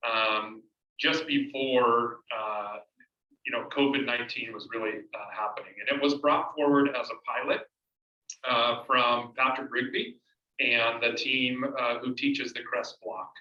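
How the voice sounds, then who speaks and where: Male administrator briefing a school board, hesitant and filler-heavy, bright tone, echoey room. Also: mid-range voice. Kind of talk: presenting at a school board meeting. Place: meeting room. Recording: dull, roomy, distant mic.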